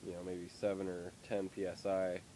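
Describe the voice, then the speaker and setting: In a poorly lit workshop, a young car hobbyist vlogger with a cold-induced nasal voice gives a casual, hesitant, rambling update on his car, heavy with fillers. He speaks in a low, warm monotone at normal speed, with slight background noise.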